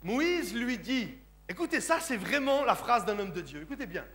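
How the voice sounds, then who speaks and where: With big pitch swings and an extremely high, somewhat bright voice, a French pastor of Sicilian descent preaches at a moderate pace. He is emphatic and repeatedly asks his church congregation, "Comprenez-vous?".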